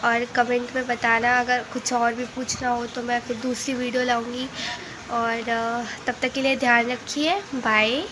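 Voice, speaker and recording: A young woman vlogger chats through a casual question-and-answer session. She reads out each fan question in her slightly high voice and answers frankly, often tagging on "okay?" at the end of a sentence. The home recording carries a steady layer of background noise. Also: measured pace. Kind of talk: casual Q&A vlog.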